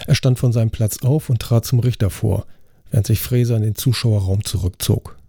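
Mellow male audiobook narrator. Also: lowish voice, fairly quick, breathy edge, no room sound, studio quality. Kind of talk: scripted narration.

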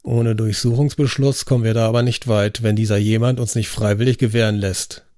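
A man doing a gruff, skeptical senior detective. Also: fairly low pitch, steady tone, brisk, warm tone, dry recording, studio quality, lightly acted. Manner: grumbling, blunt. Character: gruff, skeptical middle-aged male detective.

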